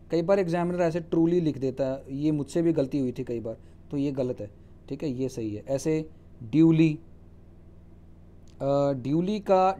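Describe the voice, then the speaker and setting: A man teaching English spelling rules in Hindi works through them step by step, his voice mellow and rather high. He spells out words letter by letter with a check of "ठीक है?", reading the English rules slowly and then explaining them in Hindi.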